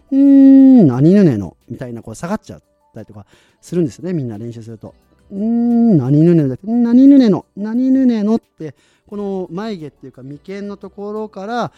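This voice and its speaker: Guy rambling about voice training, hums and sings bits to show it, darkish mellow tone, soft music behind. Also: a little high, dry recording, lo-fi sound. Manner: rambling, animated, hums and sings syllables to demonstrate. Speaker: voice training host. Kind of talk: casual monologue with vocal demonstrations.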